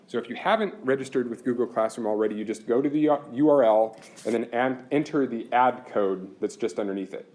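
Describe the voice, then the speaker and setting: A man's voice: mid-range voice, a little fast, hardly any pauses, a little mellow. A man teaching a university class, explaining course logistics step by step in a practical, chatty way. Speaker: university instructor. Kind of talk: classroom lecture.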